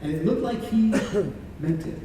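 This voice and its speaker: A remorseful condemned criminal, played by a man in a church monologue, speaking earnestly in halting phrases with repeated words. His voice sits high for a man. It rings through a large reverberant hall, picked up from far away. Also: expressive, mellow, slight background noise. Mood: awed confession.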